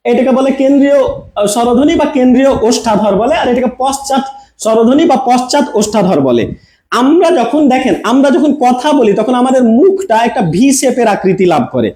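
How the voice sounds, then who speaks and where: A man's voice: extremely high pitch, mellow, echoey room. A man teaching a video lesson, demonstrating sounds aloud and asking and answering his own questions.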